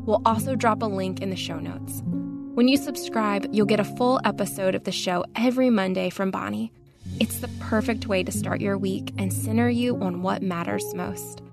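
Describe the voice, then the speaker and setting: A woman with a mid-range voice reads a scripted podcast announcement. She is friendly and polished as she addresses listeners. Music plays clearly behind her. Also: medium pitch, normal speed. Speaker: podcast producer introducing a bonus episode.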